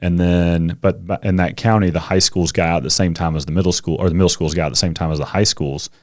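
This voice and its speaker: Low-voiced man telling lively stories. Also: fast, no echo, clean studio sound. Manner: animated storyteller, acts out kids' voices. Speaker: coach and teacher, podcast guest. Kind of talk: casual interview conversation.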